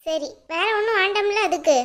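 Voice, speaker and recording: A woman voicing a busy middle-aged mother in a cartoon who gives brisk, practical instructions. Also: very high voice, fairly bright tone.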